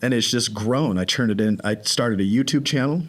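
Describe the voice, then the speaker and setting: A man guest on a podcast, telling his recovery story in a casual, animated way, often acting out what people said. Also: mid-range voice, a little fast. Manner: animated, acts out quoted voices.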